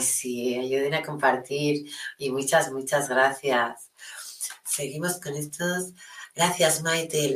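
A woman's voice: deep voice, a bit bright, recorded from a distance. A woman, reading out viewer comments and answering them with affection. She sounds set back from the mic in an echoey room, with faint noise behind her. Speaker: podcast host. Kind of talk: live stream chat reading comments.

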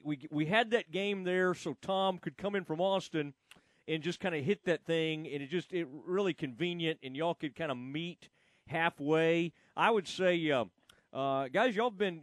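A male sports radio host chats in a slightly high voice. He rambles casually and restarts his sentences often. The sound is dry, with very little room in it. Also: no echo. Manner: rambling, halting, with frequent false starts.

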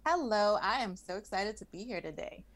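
A woman's voice: mid-range voice, expressive, normal speed, fairly bright tone, dry recording. A woman from the Bahamas, a wedding cake designer, chatting upbeat as a podcast guest. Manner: upbeat, chatty, frequent laughs and "like".

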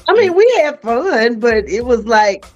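A middle-aged woman hosting a podcast, chatting in a lively, expressive way and often laughing and exclaiming. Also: fairly high pitch, a little slow, dull audio, faint music behind. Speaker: podcast host. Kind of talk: casual chat.

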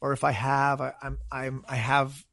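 A man's voice: medium pitch, little pitch movement, moderate pace, gravelly, a bit bright, dry recording. A man in comedy sketch dialogue, hesitant and stammering, turning stubborn.

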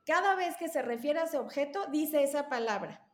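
High-voiced therapist, echoey room. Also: female voice, expressive, moderate pace. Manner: patient, explains with examples. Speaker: language therapist guest. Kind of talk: explanatory podcast conversation. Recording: roomy echo.

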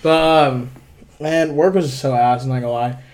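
A man's voice: fairly high pitch, fairly even intonation, moderate pace, darkish tone. A young man in casual chat as a podcast co-host, talking like a frat bro, with lots of slang and swearing.

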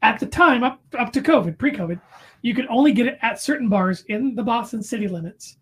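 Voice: mid-range voice, expressive, a little fast, slight background noise. A podcast co-host chatting casually over beers, rambling through anecdotes and correcting themselves as they go.

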